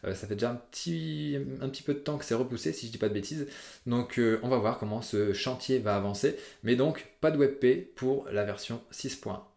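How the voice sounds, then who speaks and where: A man hosting a casual software tutorial, chatty and upbeat with frequent filler sounds as he talks through his screen. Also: medium pitch, fairly quick, gravelly, reverberant. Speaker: WordPress tutorial host.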